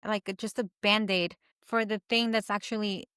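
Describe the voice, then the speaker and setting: A woman's voice: mid-range voice, fairly even intonation, normal speed, a bit bright, clear, resonant tone, no room sound, clean studio sound. A woman co-hosting a podcast in casual chat, reflective and earnest as she talks openly about herself. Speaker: podcast co-host.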